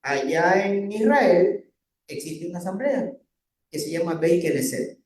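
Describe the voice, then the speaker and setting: A male Bible teacher works through a lesson at a slow, deliberate pace. He keeps checking in with his listeners as he explains. The room gives his voice a noticeable echo. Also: sits high, lively intonation, a little mellow. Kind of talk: Bible study lesson with slides.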